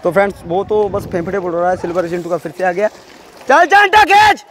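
High-voiced man commentating poolside. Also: flat delivery, fast. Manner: chatty, calls out encouragement to swimmers. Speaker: vlogger filming a school swimming meet. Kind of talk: casual commentary to camera. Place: outdoor swimming pool at a school competition.

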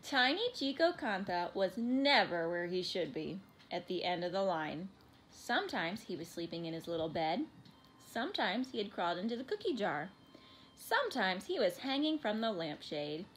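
A woman reading a children's picture book aloud in an expressive, animated way. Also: medium pitch, normal speed, slight background noise. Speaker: storybook reader.

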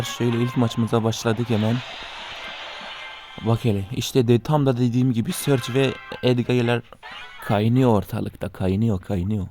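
A young man giving casual commentary as he plays a mobile game, often cursing and yelling at rivals. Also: mid-range voice. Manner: swears and shouts at opponents in frustration. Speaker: gaming YouTuber.

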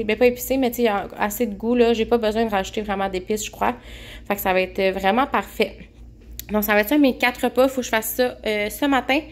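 A young woman with a Québécois accent chatting casually to camera in her home kitchen, full of fillers and restarts. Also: on the high side. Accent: Québécois French. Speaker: vlogger. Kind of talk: casual meal-prep chat to camera.

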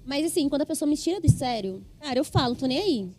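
A woman's voice: high voice, animated, fast talker, warm tone. A woman with a Brazilian accent, chatting as a podcast guest, telling stories and acting out quoted dialogue with laughs. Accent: Brazilian Portuguese. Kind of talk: casual chat.

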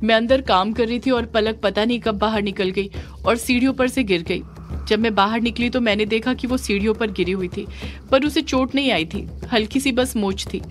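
A woman voicing a meek young woman who softly explains herself in an audio drama. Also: a little high, moderate pace, slight background noise, lightly acted. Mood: apologetic. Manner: soft, explaining.

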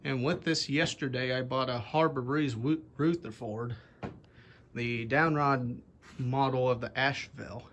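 Holding his phone up toward a fan in an indoor space with wooden rafters overhead, a young channel host gives a casual, rambling fan demo full of "anyway"s. His mid-range voice is unhurried and a bit bright with fairly even intonation, over slight background noise.

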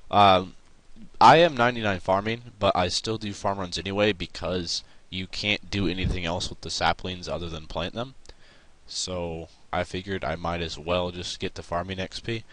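Low-voiced young man, dry close recording. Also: fairly even intonation, moderate pace, fairly bright tone, no echo, poor audio. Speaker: gaming video host. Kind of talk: casual gameplay vlog commentary. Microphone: close mic, voice-over on screen capture.

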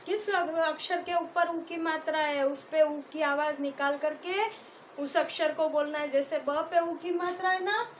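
A woman teacher giving a slow phonics lesson to small children, sounding out syllables one by one and asking and answering her own questions. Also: high voice, fairly even intonation. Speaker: pre-primary teacher. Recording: echoey classroom with faint noise.

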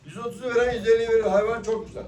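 A man's voice: very high voice, steady tone, rapid-fire, darkish tone, slight background noise. A man working as an auctioneer, calling and repeating prices insistently to coax bidders. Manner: insistent, repetitive, coaxing the bidders. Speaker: auctioneer at a live poultry auction. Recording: echoey hall, distant mic, crowd and birds. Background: crowd chatter, roosters crowing.

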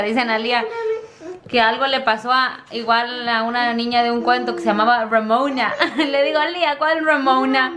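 A woman vlogging from home, chatting casually with her viewers and often addressing them as girls. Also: on the high side. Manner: chatty, warm toward viewers, often calls them "chicas". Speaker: family vlogger, mother.

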